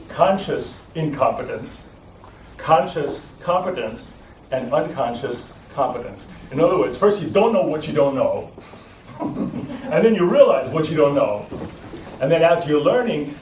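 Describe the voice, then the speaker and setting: A man's voice: a little high, a little mellow, a little hiss or hum. A man teaching a voice class to a live group, explaining step by step and often restarting his sentences. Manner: explanatory, with frequent restarts and checking "right?". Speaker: voice trainer. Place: lecture room with audience. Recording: echoey room recorded from a distance.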